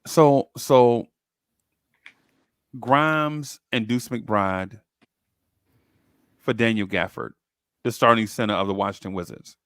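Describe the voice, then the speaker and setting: A man's voice: medium pitch, slow, long pauses, a bit bright, clear, resonant tone, no room sound, clean studio sound. A man hosting a sports talk show with casual, slangy banter, repeating phrases for emphasis.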